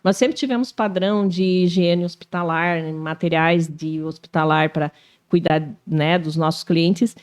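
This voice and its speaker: Uma mulher de cinquenta e poucos anos com sotaque do sul do Brasil, conversando como convidada numa entrevista, animada e cheia de "né". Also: female voice, fairly low pitch, a little slow, smooth. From Brazil. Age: 50s. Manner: animated, frequent tag questions "né". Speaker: shopping mall executive, guest. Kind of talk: casual interview talk.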